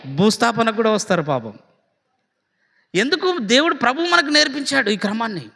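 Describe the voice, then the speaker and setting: A pastor preaching a sermon in a very high, bright voice. He tells scenes dramatically, with big pitch swings and stretched-out words. A long reverb from the church hall trails his voice. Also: sing-song, a little fast, gravelly.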